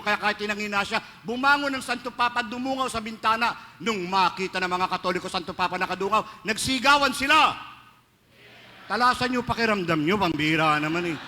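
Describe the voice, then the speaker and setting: A man's voice: high voice, a little fast, bright, forceful tone, a little hiss or hum. A man with a Filipino accent, a priest giving a joking, storytelling homily that mixes Filipino and English. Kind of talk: sermon. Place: large church. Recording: reverberant church hall, faint ambience.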